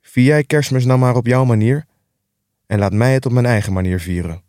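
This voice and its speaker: A man voicing a grumpy, stingy old miser in an audiobook reading, with a curt, gruff and dismissive delivery. The recording is dry and close. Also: mid-range voice, fairly quick, a little mellow, no room sound, natural voice. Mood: scornful.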